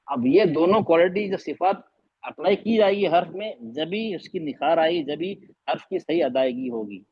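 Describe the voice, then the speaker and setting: A man's voice: a little high, lively intonation, slightly rough, no echo. A man teaching an online recitation class on a video call, sounding out letters again and again and quizzing his students. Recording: dull lo-fi online call audio.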